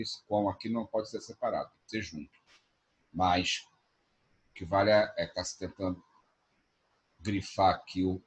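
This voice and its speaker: A man's voice: on the low side, a bit bright. A man with a Brazilian Portuguese accent, teaching a class and explaining each point with frequent tag questions. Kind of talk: online class lecture.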